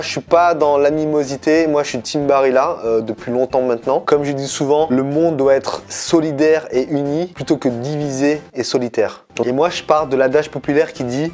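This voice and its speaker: A man's voice: medium pitch, a little mellow. A man doing a parody YouTuber vlog, answering comments in a smug way and quoting self-help sayings.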